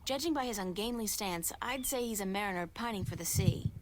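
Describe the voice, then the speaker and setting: An actress playing a curious young heroine in a video game, asking earnest questions. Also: female voice, medium pitch, fairly quick, noisy background, close to an everyday voice. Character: curious young woman, sharp-tongued heroine.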